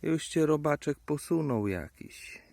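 A man foraging in a forest outdoors, playfully talking to the mushrooms he finds as if they were pets, sometimes dropping to a hushed murmur. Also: fairly high pitch, animated, measured pace, creaky, no room sound. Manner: drops to hushed murmurs now and then. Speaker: vlogger. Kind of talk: casual narration while foraging.

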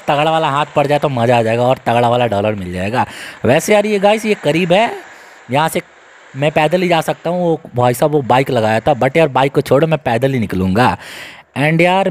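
Young male gaming YouTuber, excitable, jokey, voice a bit high, faint hiss behind. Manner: excitable, joking, addresses viewers as guys. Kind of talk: casual gameplay commentary.

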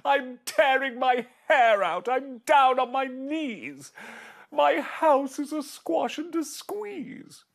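Guy putting on a high wobbly little old lady voice, fussy and flustered, swooping all over, slow. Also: very animated, creaky, fairly bright tone, heavily acted. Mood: pleading. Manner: high, wailing and pleading.

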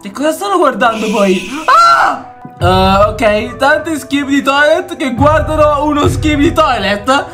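A young man doing excited reaction commentary on a video as a YouTuber, often shouting and laughing. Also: very high-pitched, moderate pace, few pauses. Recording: background music under the voice. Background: background music.

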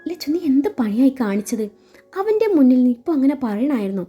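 A reproachful husband , voiced by a woman storyteller, reasons gently with his wife. The voice is high and husky with a mellow tone. Dull lo-fi sound with faint music behind. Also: big pitch swings, fairly quick, exaggerated voice.

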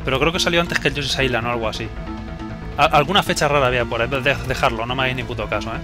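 A man's voice: medium pitch, rapid-fire. A young man with a Spain Spanish accent commenting live on a video game he plays, casual and joking, swearing freely. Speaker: gamer. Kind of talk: live let's play commentary. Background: video game music.

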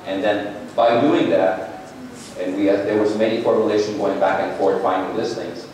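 A man giving a conference keynote in a large ballroom, speaking haltingly with many restarts. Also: on the low side, fairly even intonation, a little mellow, a little hiss or hum. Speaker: company president giving a keynote. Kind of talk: conference presentation. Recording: echoey ballroom from far off.

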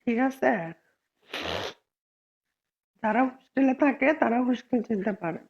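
Hoarse woman bickering on a live stream. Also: fairly high pitch, fast, dull audio. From Bangladesh. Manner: argumentative, answers viewers sharply. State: hoarse from a cold. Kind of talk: casual live chat with viewers.

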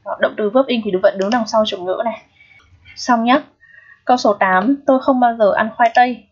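Husky woman teacher going thru english grammar step by step, kinda high voice, muffled lo-fi audio. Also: normal speed. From Vietnam. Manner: explains step by step, checks in with students often. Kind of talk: recorded grammar lesson. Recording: dull, lo-fi sound.

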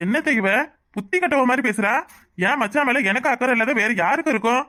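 A quick, mid-pitched voice of a greedy cartoon husband, as a performer puts him on, sweet-talking in the open and plotting money schemes under his breath. He talks with a southern Tamil accent from Tirunelveli, over faint music. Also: pushed and bright, close to an everyday voice. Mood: wheedling. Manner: wheedling aloud, plotting asides. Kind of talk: cartoon voice acting.

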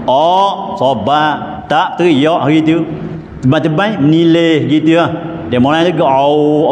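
A man teaching religion in a folksy, animated way, with a Kelantanese Malay accent, asking rhetorical questions as he goes. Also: a little high. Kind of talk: informal religious lecture. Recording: echoey hall with faint noise.

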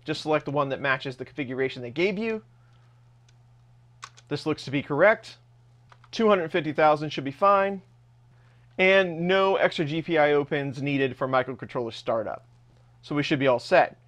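Man calmly walking through a tutorial. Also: a little high, normal speed, highs cut off. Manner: plain step-by-step explaining, casual. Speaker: host of a 3D printing tech channel. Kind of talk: screen-recorded tutorial narration.

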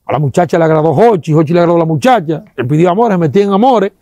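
A man with a Dominican accent giving an animated testimony, acting out sounds and quoting people, with religious exclamations. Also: on the high side, racing, no room sound, studio quality.

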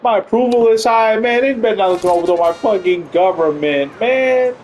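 A man giving excitable, profane live commentary while playing a video game. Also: sits high, normal speed, slight background noise, rough recording. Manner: excitable, profane, swings between panic and triumph. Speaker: gaming channel host. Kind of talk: live let's-play commentary.

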